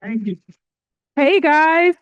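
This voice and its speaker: A woman in her forties, a former teacher who now directs a school outreach program, speaking directly to an event audience in a lively, teacherly way. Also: sits high, slow pace, no echo, dull audio. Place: public library event room.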